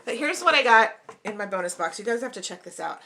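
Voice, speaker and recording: Bright-voiced woman chatting through an unboxing. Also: mid-range voice, fast talker. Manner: chatty, upbeat, often says she is excited. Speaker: unboxing vlogger. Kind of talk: casual unboxing chat.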